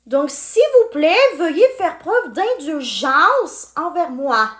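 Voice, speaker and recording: A woman's voice: high voice, animated, slow, a bit bright, echoey room, slight background noise. A woman in her twenties chatting to her viewers while unboxing toys, friendly and talkative. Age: 20s. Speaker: unboxing vlogger.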